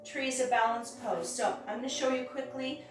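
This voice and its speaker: Careful, unhurried woman yoga instructor, very echoey. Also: high-pitched. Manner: careful, unhurried, step-by-step guiding. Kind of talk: guided hatha yoga class instruction. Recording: very echoey room, distant mic, music.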